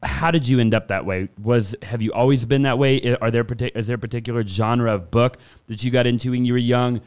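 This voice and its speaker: A man's voice: mid-range voice, fairly even intonation, quick pace, darkish tone, clear, resonant tone. A male interviewer in a casual conversation who talks effusively and rambles a little as he puts his questions. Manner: effusive and rambling, backs his guest up often.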